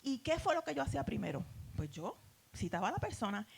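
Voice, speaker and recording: A middle-aged woman teaches a Bible school class with a preacher's cadence, her fairly high voice carrying a gravelly edge. She keeps turning to her listeners with rhetorical questions and calls them beloved. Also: very animated, quick pace. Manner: addresses listeners as "amado".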